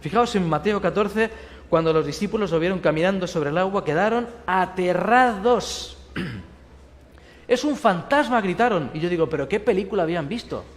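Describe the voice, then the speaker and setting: Male pastor with a Spain Spanish accent, lively rhetorical sermon, higher-pitched voice, long hall reverb. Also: a little fast. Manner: lively preaching with rhetorical questions, dropping to a soft hush for quoted comfort.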